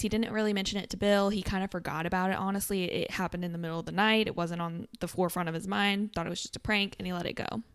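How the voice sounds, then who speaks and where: A woman co-hosting a podcast, casually retelling a true stalking story with lots of fillers. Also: clean tone. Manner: retells stories with frequent fillers, drops to a low murmur for asides. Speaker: podcast co-host.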